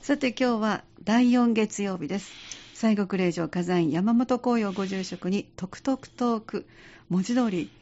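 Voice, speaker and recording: A woman hosts a radio talk show, listening closely and giving short, agreeing replies. Her voice sits at a middle pitch, and the recording is dull and lo-fi. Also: measured pace, warm tone, a little hiss or hum. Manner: attentive, gives frequent short agreeing replies. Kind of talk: radio host chat.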